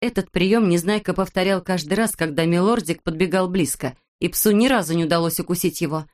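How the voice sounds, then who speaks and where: A woman reading a children's storybook aloud as an audiobook narrator, in a steady, even manner. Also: on the low side, a little fast.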